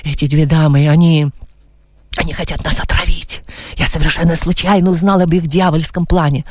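A woman's voice: low voice, fairly even intonation, normal speed, darkish tone, lightly acted. A woman reading as a stammering flustered suitor. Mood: fearful. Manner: stammering, pleading. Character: flustered middle-aged man, a nervous suitor.

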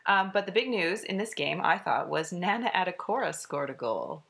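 A woman's voice: fairly low pitch, animated, moderate pace, vocal fry, fairly bright tone, husky. A woman co-hosting a soccer podcast, running through results and standings with frequent fillers. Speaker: podcast co-host. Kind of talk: casual sports chat.

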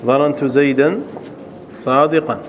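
A man, a sheikh, giving a classroom lesson on Arabic grammar, slowing down to spell out example sentences and often checking if it is clear. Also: mid-range voice, steady tone, dull audio, slight background noise.

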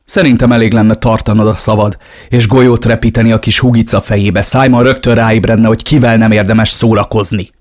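Man reading as a scornful cartel henchman. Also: fairly low pitch. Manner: mocking, shouting. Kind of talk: audiobook reading.

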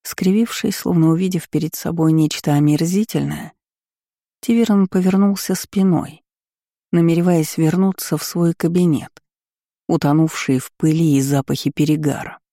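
A woman reading a story aloud with lively, dramatic narration. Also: deep voice, moderate pace, no room sound, clean studio sound. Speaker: audiobook narrator. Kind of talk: expressive audiobook narration.

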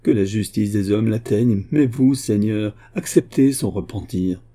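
A man's voice: mid-range voice, normal speed, mellow, slightly rough, pitched above the performer's own voice, lightly acted. A man voicing a desperate, breathless young woman pleading with her father. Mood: praying.

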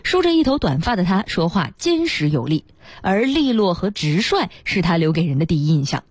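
Female radio co-host, husky, animated pitch, news-story delivery. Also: no room sound. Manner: brisk backchannels, reads news items smoothly. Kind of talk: radio chat and news retelling. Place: radio studio.

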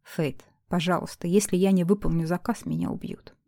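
A woman's voice: fairly low pitch, steady tone, brisk, warm tone, no room sound, studio quality, close to an everyday voice. A woman voicing a panicky, hysterical adult male elf teacher who keeps pleading and breaking into nervous outbursts in a storybook reading.

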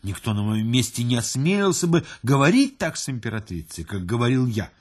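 A man's voice: mid-range voice, big pitch swings, fairly quick, darkish tone, breathy edge, pitched below the performer's own voice. A man voicing a sorrowful police chief who breaks grim news solemnly in an audiobook. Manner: solemn, sighing. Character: mournful male police chief, grimly sympathetic.

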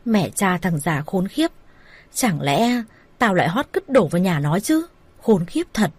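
A woman voicing an angry, foul-mouthed middle-aged mother who scolds and curses her daughter in a raised, loud voice. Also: on the low side, very animated, unhurried, breathy edge, dry recording, full character voice. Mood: furious scolding.

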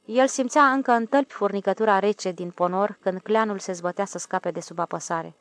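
A woman reads a novel aloud in a steady, measured way, her voice at an ordinary pitch. The recording is dry and close, with no room around it. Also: no echo. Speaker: audiobook narrator. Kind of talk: scripted narration.

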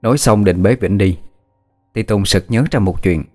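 A man narrating a ghost story in a steady, unhurried storytelling manner. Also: on the low side, faint music behind.

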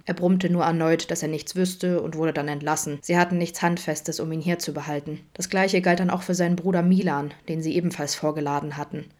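A woman narrating a fan story as a podfic, steady and measured. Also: fairly low pitch. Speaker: podfic reader. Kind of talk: scripted narration.

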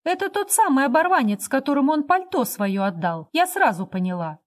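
A weary, downtrodden wife whose words come out bitter and resigned, read by a woman narrator. Her voice sits fairly high for a woman, and her pleading has a tired edge. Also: lively intonation, normal speed, a little mellow.

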